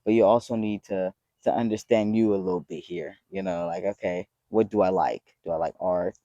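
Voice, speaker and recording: A young man in his twenties with a low, mellow voice gives a loose, heartfelt pep talk straight to his viewers. He rambles and swears freely, earnest throughout. The sound is close and dry with no room around it. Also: fairly even intonation, brisk, no room sound, muffled recording. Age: 20s. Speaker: vlogger. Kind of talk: casual motivational talk to camera.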